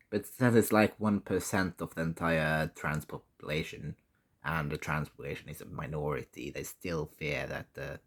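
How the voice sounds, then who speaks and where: Male vlogger, lowish voice, very unhurried and halting, candid casual talk with mild profanity. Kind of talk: casual personal vlog.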